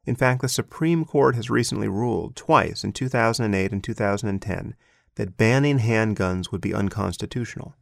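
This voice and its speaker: A man reading an essay aloud in a measured, deliberate way, stepping out now and then for brief spoken asides. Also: on the low side, gravelly, no room sound, clean studio sound. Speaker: essay reader and commentator.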